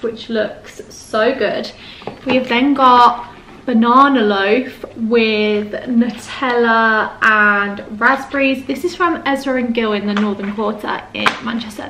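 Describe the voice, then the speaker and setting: A young woman chatting casually to camera while she eats, gushing about the food and sitting on the floor at home. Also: on the high side. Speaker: vlogger. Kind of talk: casual mukbang chat to camera. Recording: echoey room, faint background noise.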